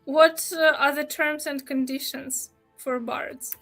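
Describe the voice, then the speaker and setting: A woman playing a tabletop game, roleplaying casually with hesitant, halting speech. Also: sits high, steady tone, fairly bright tone, soft background music.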